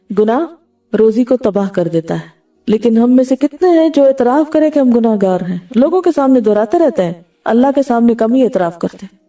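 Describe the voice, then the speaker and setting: A woman preaching in a mellow, somewhat high voice. She recites Arabic verses and asks questions she answers herself. She sounds set back from the microphone. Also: distant mic. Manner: recites Arabic verses and hadith, then explains them. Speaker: Islamic scholar giving a religious talk. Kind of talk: sermon.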